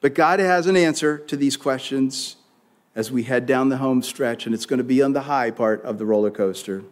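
In a church sanctuary, a male pastor delivers a sermon, reading scripture aloud with growing force and leading the congregation in response. His voice is medium-pitched and he speaks at a normal speed.

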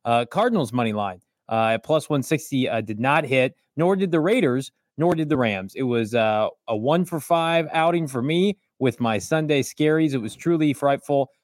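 A man co-hosting a sports betting show, wry and easygoing, with many filler pauses as he recaps his bets. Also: medium pitch, animated, dry recording, clean studio sound. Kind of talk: casual sports betting chat.

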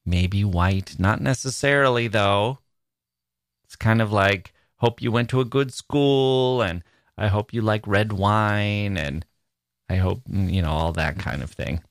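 Speaking slowly in a voice on the low side, this man hosts a podcast of humorous solo commentary, reading personal ads aloud with wry amusement and posing rhetorical questions. The sound is studio quality, with no echo.

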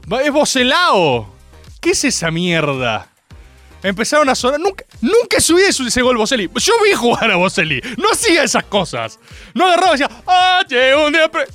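Animated Argentine radio host. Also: male voice, no room sound. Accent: Argentine Spanish. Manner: animated, sarcastic, jumps between high mock voices and low mutters. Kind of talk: casual comedic radio talk.

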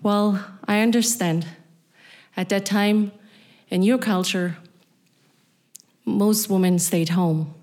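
A middle-aged woman from East Berlin with a German accent, speaking a deliberate spoken-word monologue addressed straight to the listener. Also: medium pitch, fairly even intonation, darkish tone.

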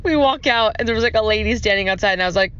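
A woman's voice: mid-range voice, rapid-fire, a bit bright. A woman hosting a podcast in casual, rambling chat, recorded on her phone's voice recorder. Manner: rambling, chatty, many fillers. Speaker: podcast host. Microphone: phone voice recorder app. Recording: dull lo-fi phone voice memo with faint noise.

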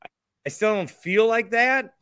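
A man's voice: sits high, unhurried, a crowd in the background. A tipsy man hosting a sports livestream, rambling and swearing in exasperation as he rants. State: drunk, tipsy. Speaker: host of a sports fan livestream. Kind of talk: rambling livestream rant about basketball.

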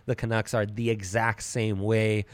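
A man's voice: lowish voice, little pitch movement, measured pace, no room sound. Playful man co-hosting, dry close sound. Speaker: sports betting show co-host. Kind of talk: casual sports betting banter.

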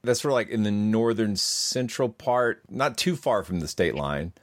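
A man's voice: on the low side, lively intonation, normal speed, no echo. A man hosting a podcast in a casual, conversational style. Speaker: podcast host.

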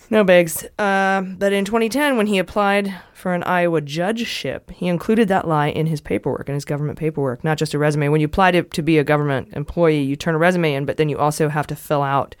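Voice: medium pitch, brisk, clear, resonant tone, dry recording, clean studio sound. A podcast host running through political news in a casual, wry and profane way.

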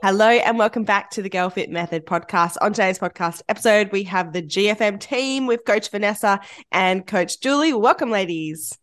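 A woman's voice: mid-range voice, moderate pace, no echo, faint music behind. Congested woman hosting a chatty podcast. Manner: upbeat and chatty, laughs often. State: congested from a chest infection. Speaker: podcast host. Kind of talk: casual podcast chat.

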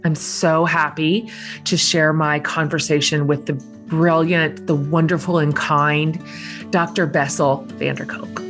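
A woman's voice: sits low, level tone, measured pace, soft background music. Effusive woman podcast host. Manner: effusive, warm praise, earnest. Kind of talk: podcast interview.

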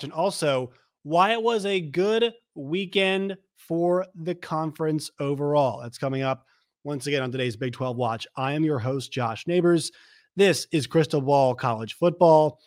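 Slightly hoarse male sports show host. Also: a little high, moderate pace, no room sound, clean studio sound. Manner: emphatic, repeats points. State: slightly hoarse, losing his voice. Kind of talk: sports commentary to viewers.

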